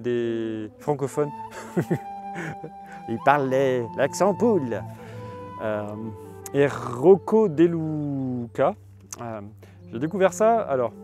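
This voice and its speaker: A young man casually reviewing music albums to a phone camera, thinking aloud with many hesitations. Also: medium pitch. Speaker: vlogger presenting borrowed music albums. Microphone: phone camera on a tripod.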